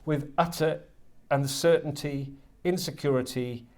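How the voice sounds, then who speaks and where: A university creative writing lecturer is interviewed, speaking with a fairly high, slightly mellow voice and fairly even intonation. Hesitant and thoughtful, he halts and repeats words as he circles toward his point in reflective interview talk.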